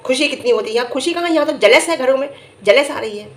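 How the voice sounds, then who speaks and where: A woman's voice: lively intonation, fast, a bit bright. Indignant middle-aged woman vlogger. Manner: emphatic, scolding, pitch jumps high when indignant. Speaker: vlogger reviewing family vlogs. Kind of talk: casual talking-head commentary.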